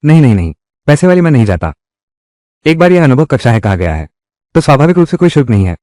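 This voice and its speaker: A man voices a cocky young college student reborn into his youth, teasing and wry in his asides. His voice rises and falls in a lively way, recorded close and dry with no room sound. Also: medium pitch, fast, no echo, lightly acted. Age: young adult. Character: reborn young male college student, cheeky and self-assured. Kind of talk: dubbed drama dialogue.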